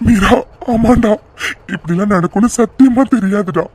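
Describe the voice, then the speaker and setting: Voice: mid-range voice, normal speed, a little mellow, close to an everyday voice. Someone doing a worried, regretful father. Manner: anxious, regretful, explaining himself. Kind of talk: cartoon voice acting.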